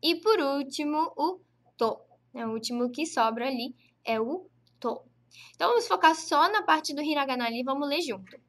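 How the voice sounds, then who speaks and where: High-voiced Brazilian woman teaching Japanese. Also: animated, a bit bright. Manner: patient, spells out syllables slowly and repeats them; frequent tag questions, chatty teaching tone. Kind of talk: online language lesson.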